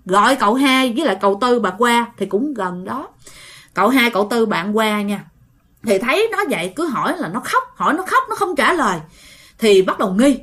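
A woman tells a ghost story as if chatting with friends, speaking to her listeners directly. Her voice sits high and swings widely up and down as she narrates. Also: fairly bright tone. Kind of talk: casual ghost story telling.

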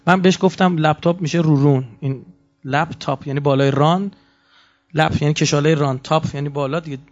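A man giving a lecture, telling stories and acting out the quotes. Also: a little high. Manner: animated storytelling with acted-out quotes. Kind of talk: anecdotal lecture. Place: lecture hall. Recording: muffled lo-fi lecture recording.

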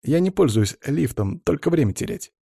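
Casting: jittery young techie guy, high whiny protests, mellow dry reading voice, put on by a male narrator. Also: lively intonation, moderate pace, creaky, slightly rough, no room sound, full character voice. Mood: defensive. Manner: whiny, flaring up, nervous protests. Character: jittery young male sysadmin, touchy and defensive.

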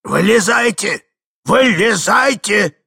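A man voicing a fussy, frantic elderly husband who shouts in a shrill, flustered way. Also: big pitch swings, takes it slowly, vocal fry, breathy edge, dry recording, clean studio sound, heavily acted. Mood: indignant.

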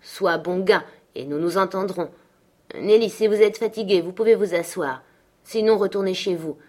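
A woman reading aloud, voicing a sarcastic, scornful middle-aged father who speaks loudly and mockingly. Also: medium pitch, moderate pace, lightly acted. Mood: harsh. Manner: mocking, loud and forceful.

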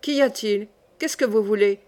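A woman reading as a gruff raspy workman. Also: mid-range voice, normal speed, darkish tone, close to an everyday voice. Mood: sullen. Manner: blunt, dismissive. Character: hulking male workman, sullen and gruff.

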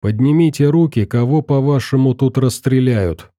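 A man's voice: mid-range voice, normal speed, warm tone, no echo, clean studio sound, close to an everyday voice. A man voicing an earnest young metro survivor who talks insistently to a group of captives, in an audiobook.

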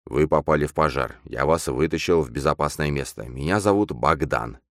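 A man's voice: very deep voice, fairly quick, no room sound, clean studio sound. A man voicing an ordinary, anxious young man who speaks plainly and politely. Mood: flustered.

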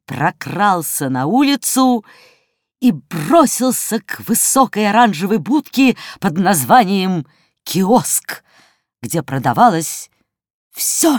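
A woman narrating a children's story aloud, expressive and animated in her telling. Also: low-pitched, no room sound, clean studio sound. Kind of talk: children's audiobook reading.

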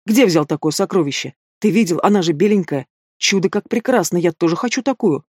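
A reader voicing a loud, brash winged male demon in an audiobook, booming and teasing. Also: expressive, fairly quick, breathy edge, no echo, studio quality. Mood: boastful. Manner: booming, roaring with laughter. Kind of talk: audiobook character voice.

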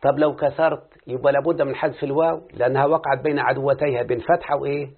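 Gravelly Egyptian teacher quizzing a student. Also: male voice, medium pitch, fairly even intonation, fast. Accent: Egyptian Arabic. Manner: quizzing, coaxing, repeats answers back. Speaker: teacher of Arabic morphology. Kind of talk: classroom lesson with questions to a student. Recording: phone-like lo-fi audio.

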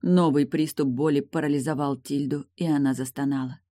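A woman reading a novel aloud in an even, measured way. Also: sits low, no room sound, studio quality. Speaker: audiobook reader. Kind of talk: audiobook narration.

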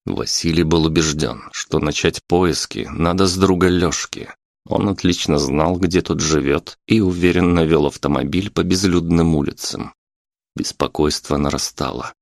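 A man narrating an audiobook in a steady, even reading voice. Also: a bass voice, normal speed, vocal fry, no echo, clean studio sound. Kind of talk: scripted narration.

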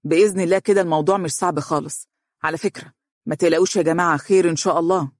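A storyteller voicing a calm, gentle young male doctor with an Egyptian accent, talking in a soft, reassuring, measured way. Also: mid-range voice, no echo, studio quality, lightly acted. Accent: Egyptian Arabic.

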